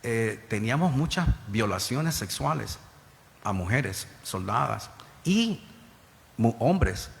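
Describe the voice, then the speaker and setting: A man's voice: medium pitch, lively intonation, slow, gravelly. A middle-aged man from the Bronx, a former federal agent, giving earnest public testimony to a panel with many repeated starts. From New York, Bronx. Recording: hall reverb with faint ambience.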